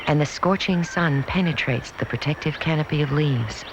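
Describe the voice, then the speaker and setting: A man giving calm, measured, poetic scripted narration for a nature documentary, heard from a worn VHS tape copy. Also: fairly high pitch. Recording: dull hissy worn videotape dub.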